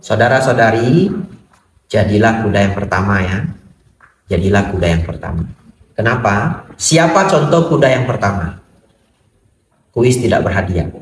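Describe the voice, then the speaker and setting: Brief: male monk preaching in a roomy hall, heard from some distance, lively storyteller. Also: on the low side. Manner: lively storytelling, acts out dialogues, jokes with audience. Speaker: Buddhist monk. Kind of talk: Dhamma sermon. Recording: roomy echo, distant mic, faint noise.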